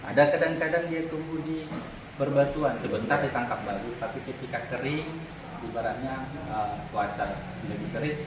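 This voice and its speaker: A man's voice: mid-range voice, normal speed, noisy background. A man, a pastor, chatting casually in a folksy way and explaining with parables. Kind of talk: casual conversation. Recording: echoey, distant mic, loud crowd.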